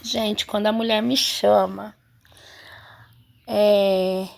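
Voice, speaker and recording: A woman's voice: mid-range voice, flat delivery, drawn-out words, creaky, darkish tone. A woman, a home seamstress telling her viewers a personal story in a chatty way, full of fillers and asides to her audience. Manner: chatty, keeps addressing viewers, many fillers.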